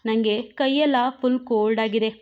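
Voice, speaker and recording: A woman's voice: fairly high pitch, steady tone, moderate pace, lo-fi sound, lightly acted. Woman reading as a sassy, proud young woman. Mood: teasing.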